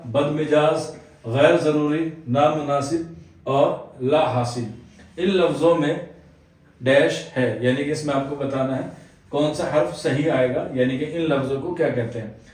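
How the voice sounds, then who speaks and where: A man's voice: fairly high pitch, normal speed, a little mellow, far from the mic. A man teaching an exam answer-key lesson, explaining step by step and constantly padding his sentences with the same filler phrase. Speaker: Urdu exam coaching teacher. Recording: very echoey room, voice off-mic.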